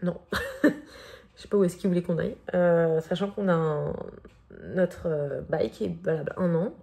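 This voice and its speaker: A woman's voice: on the low side, moderate pace, creaky, mellow. A woman in her thirties from France with a French accent, chatting casually in a vlog with many hesitations and fillers. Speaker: vlogger.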